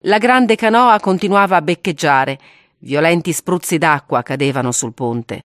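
A woman reading a novel aloud in a steady, grave audiobook narration. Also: deep voice, moderate pace, no echo, studio quality.

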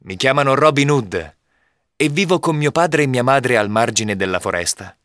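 A man voicing a bold, cheerful young male archer in a storybook reading, speaking calmly and firmly. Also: mid-range voice, moderate pace, no echo, studio quality, lightly acted. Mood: proud, earnest. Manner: calm, firm.

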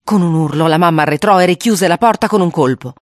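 Expressive storybook reader, dry close sound. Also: mid-range voice, fast, no room sound. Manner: expressive, acts out the voices. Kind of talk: storybook read aloud.

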